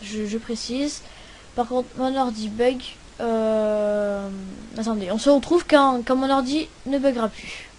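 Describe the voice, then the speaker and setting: A young woman with a high voice walks through a casual computer tutorial. She talks hesitantly, trailing off and restarting often. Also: steady tone, a little slow, darkish tone. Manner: hesitant, many fillers and restarts. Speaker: tutorial host. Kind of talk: casual screen-recording tutorial.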